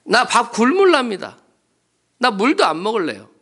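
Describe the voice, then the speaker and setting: A woman's voice: a little high, very animated, moderate pace. A man voicing a young woman deacon who prays earnestly and pleads with God. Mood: pleading.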